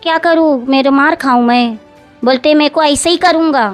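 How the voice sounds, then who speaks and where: A woman speaking gives a long account in an interview. Her voice sits high, and she circles back, repeats herself and quotes others word for word. Faint music plays behind her. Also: moderate pace. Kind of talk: recounting events in an interview.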